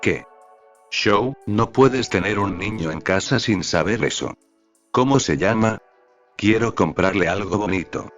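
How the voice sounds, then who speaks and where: A man voicing a cheerful, affectionate husband who talks with lively enthusiasm. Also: on the low side, measured pace. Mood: doting. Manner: bubbly, enthusiastic. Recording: slightly dull audio with faint background music.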